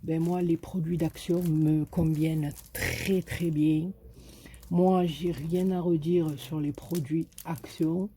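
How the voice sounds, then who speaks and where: A craft vlogger from southern France with a Marseille accent chats casually in a haul video, hesitant and full of fillers. Her low-pitched voice is steady, warm, slightly rough, and unhurried. She sounds enthusiastic about the paper designs she shows.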